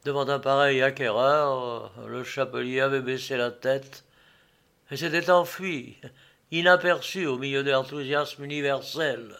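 A man narrating a classic novel as an audiobook, in a measured, expressive storytelling manner. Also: medium pitch.

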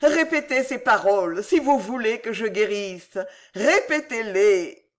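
A reader voicing a lovesick middle-aged gentleman, tender and pleading, in a storybook reading. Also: high-pitched, big pitch swings, slow pace, exaggerated voice. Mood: ardent. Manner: pleading, ardent.

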